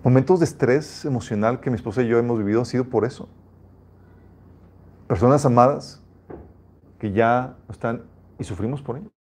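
Warm-voiced pastor preaching earnestly. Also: male voice, mid-range voice, brisk, pauses often, husky. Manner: earnest, emphatic preaching with repeated restarts. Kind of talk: sermon with scripture reading.

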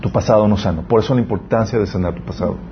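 A man's voice: fairly low pitch, very fast. A young man, giving a conversational sermon as a youth preacher, telling stories and speaking straight to his audience. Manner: lively storytelling, addresses the audience directly. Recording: slightly muffled recording with faint background noise.

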